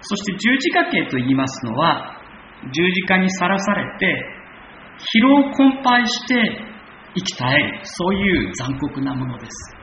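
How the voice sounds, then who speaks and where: A man preaching a sermon in measured phrases that rise for emphasis. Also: high-pitched, big pitch swings, roomy sound, muffled recording, noisy background. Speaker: pastor.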